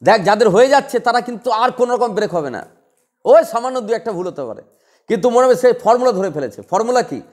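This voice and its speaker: A man lecturing a class of students, firing short questions and repeating them until they answer. His voice sits high and moves in wide, animated leaps. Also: racing. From West Bengal. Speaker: teacher.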